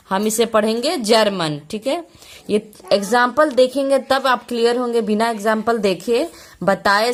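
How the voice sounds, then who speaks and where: A woman teacher, patiently explaining pronunciation rules, repeating each point and spelling out letters slowly. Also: fairly high pitch. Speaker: English teacher.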